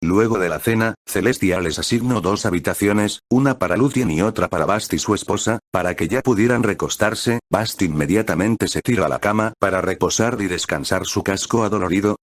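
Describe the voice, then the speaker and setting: A man reading fan fiction aloud in steady, plain narration. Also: on the low side, brisk, hardly any pauses, dry recording, clean studio sound. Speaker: story reader.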